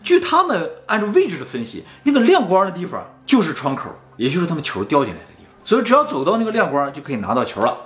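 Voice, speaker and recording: A man tells a spooky tale in casual chat, acting out each quoted line. He talks fast, and his fairly high voice swoops all over. The room is echoey, with faint music behind. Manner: animated, acts out quoted lines. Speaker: storyteller host.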